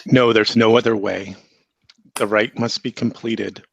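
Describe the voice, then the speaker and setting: A man voicing a fanatical villain hag, with slow, theatrical, ominous menace in a tabletop game monologue. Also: fairly low pitch, steady tone, vocal fry, husky, dry recording, highs cut off, heavily acted. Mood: grave, ominous.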